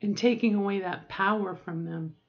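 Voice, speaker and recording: Woman, 40s, casual vlog advice, self-correcting and rambling, mid pitch, slightly muffled recording. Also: normal speed. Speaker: vlogger.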